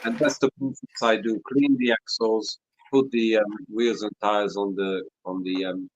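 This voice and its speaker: A man chatting casually in hesitant, halting short phrases. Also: on the low side, little pitch movement, dull audio. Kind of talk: casual chat.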